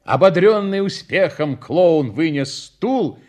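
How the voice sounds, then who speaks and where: Slow, expressive male storyteller. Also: a little high. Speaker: narrator. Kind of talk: storybook reading.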